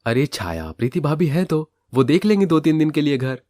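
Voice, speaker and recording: A man's voice: on the high side, sing-song, fairly quick, darkish tone, no echo, clean studio sound, pitched above the performer's own voice. Man doing a kind young husband. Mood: concerned. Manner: plain, reassuring. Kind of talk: storybook voice acting.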